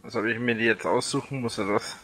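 A man's voice: mid-range voice, steady tone, fast, a bit bright, no echo, poor audio. A man talking through a voice changer in a casual voice chat, irritated and defensive, with curt replies. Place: online voice chat server.

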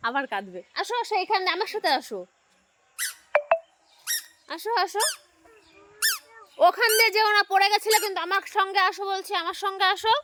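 A woman with a Bengali accent speaking softly and slowly in a vlog while her child sleeps. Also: very high-pitched, fairly even intonation, background noise. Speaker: vlogger. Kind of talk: hushed vlog narration.

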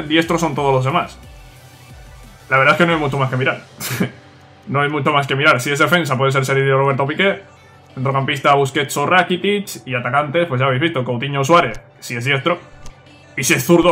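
A young man, excitably commentating his own gameplay and talking to viewers. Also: on the high side. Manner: excitable, talks to viewers, frequent "tío". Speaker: gaming youtuber.

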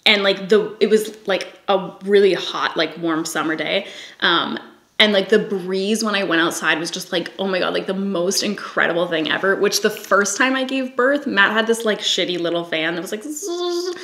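Brief: female vlogger, mid pitch, casual storyteller who curses and laughs, roomy echo. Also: moderate pace. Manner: swears freely, laughs often, lively. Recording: echoey room.

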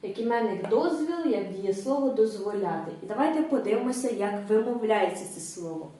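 A woman teaching English grammar in a video lesson, explaining step by step in a clear, patient way with brief hesitations. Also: mid-range voice, animated, a little fast, dark tone. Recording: echoey room, mic at a distance.

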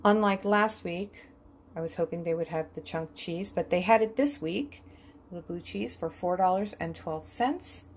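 Lady doing a frugal grocery voice-over, lowish voice, ticking off prices one by one, faint room hiss. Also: a little slow. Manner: calm, list-like item-by-item rundown of prices. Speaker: budget grocery vlogger. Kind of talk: scripted voice-over narration.

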